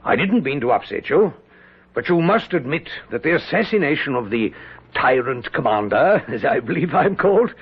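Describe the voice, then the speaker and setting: A man's voice: mid-range voice, very animated, normal speed, breathy edge, exaggerated voice. A man playing a pompous, sardonic British general and vain playwright in a 1970s radio drama, speaking in florid, theatrical style with a British accent. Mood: teasing, amused. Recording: dull lo-fi vintage radio broadcast.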